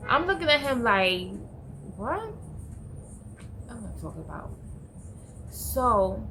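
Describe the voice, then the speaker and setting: Slow-talking woman with halting speech. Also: fairly high pitch, a bit bright, slight background noise, rough recording. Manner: halting, searching for words, many restarts. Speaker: vlogger. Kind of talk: personal storytelling vlog.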